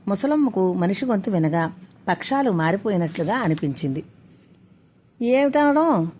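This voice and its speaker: A woman storyteller reading a story aloud in a steady, measured way. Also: medium pitch. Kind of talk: scripted story narration.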